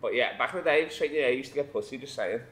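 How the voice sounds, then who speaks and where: A man's voice: medium pitch, rapid-fire, reverberant, crowd noise. A man in his twenties hosting a podcast, telling crude stories with lots of swearing and laughing. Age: 20s. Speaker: podcast host. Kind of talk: casual chat.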